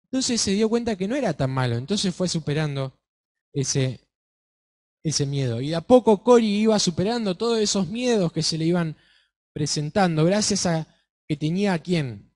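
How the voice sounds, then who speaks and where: A man with an Argentine accent telling a church story to children, animated and speaking directly to them. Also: a little high. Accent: Argentine Spanish. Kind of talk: Bible-class storytelling to children.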